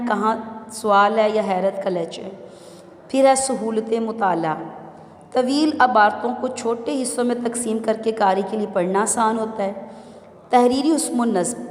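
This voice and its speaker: A fairly high-pitched woman teaches in an explanatory tone, posing questions and then answering them. Her voice rings through an echoey space with a long reverb tail. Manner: explanatory, rhetorical questions, emphatic examples. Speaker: presenter of a language segment. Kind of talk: educational talk on punctuation.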